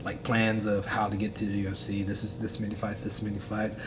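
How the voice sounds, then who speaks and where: A young man on a podcast telling his story casually, rambling with many fillers and getting animated. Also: fairly low pitch, brisk. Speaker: podcast guest, fighter.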